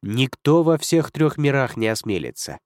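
A man's voice: mid-range voice, sing-song, moderate pace, a little mellow, no echo, clean studio sound, lightly acted. A man reading an audiobook, voicing a proud male dragon lord who speaks coldly and curtly. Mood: stern. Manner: cold, curt, commanding.

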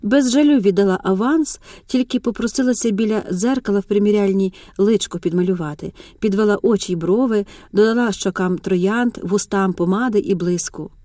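A woman narrating an audiobook in a measured, dramatic manner. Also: mid-range voice, mellow, dry recording, clean studio sound.

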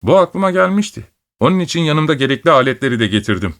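A man voicing a clever detective, wry, brisk, raised pitch. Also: big pitch swings, fairly bright tone. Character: clever, dry-witted male detective.

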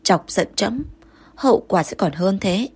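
Woman reading a jealous possessive emperor, commanding yet coaxing, husky, middle pitch, audiobook role. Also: animated, a little slow. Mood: scolding. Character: possessive jealous male emperor, tender underneath.

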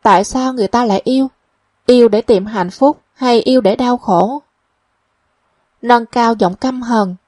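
A woman narrating a novel as a measured audiobook reading, also speaking the characters' quoted lines. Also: a little high, a little mellow, no room sound, clean studio sound.

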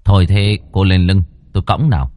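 Man doing a helpful young country guy, mellow low voice, a bit unsure, dry close sound. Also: steady tone, a little fast, no room sound, natural voice. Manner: plain, hesitant speech with fillers.

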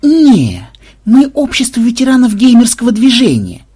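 A man's voice: high voice, very animated, moderate pace, darkish tone, slightly rough, pitched above the performer's own voice, exaggerated voice. A man voicing a smug male programmer who speaks with a mocking grin.

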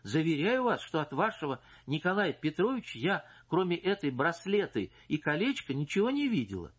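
A man's voice: a little high, very animated, normal speed, husky, dull audio, voice pushed up. A man voicing a defensive, flustered young female chorus singer who protests in a plaintive, evasive way. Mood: protesting.

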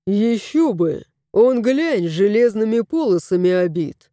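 A woman voicing a calm, matter-of-fact young husband in an audiobook. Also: mid-range voice, a little slow, dry recording, studio quality, natural voice.

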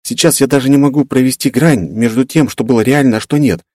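A man voicing a thoughtful, earnest young woman adventurer in an audiobook, speaking softly and a bit hesitantly. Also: mid-range voice, fast, no echo, studio quality, voice pushed up, natural voice. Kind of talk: audiobook character voice.

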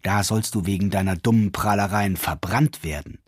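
A man voicing a scornful young courtesan who scolds and mocks, with a husky voice in a fairy-tale reading. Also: normal speed, dry recording, studio quality. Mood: scolding. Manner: shrill, scolding.

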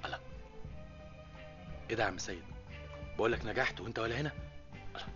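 An actor playing a lively young male student in an old Egyptian radio drama, speaking with an Egyptian accent. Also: lowish voice, quick pace, natural voice. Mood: teasing. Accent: Egyptian Arabic. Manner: lively, teasing, excited. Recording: dull old radio recording with music.

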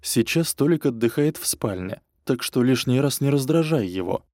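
A man's voice: mid-range voice, lively intonation, moderate pace, a little mellow, dry recording, studio quality, voice pushed up, natural voice. A man voicing a scolding, caustic stepmother. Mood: reproachful. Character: sharp-tongued middle-aged stepmother. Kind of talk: audiobook character voice.

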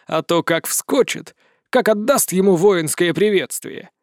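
A man voicing an excitable male demon servant who talks eagerly and fawns on his master. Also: high voice, a little slow, no room sound, studio quality, pitched above the performer's own voice. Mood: excited. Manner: eager, storytelling, fawning.

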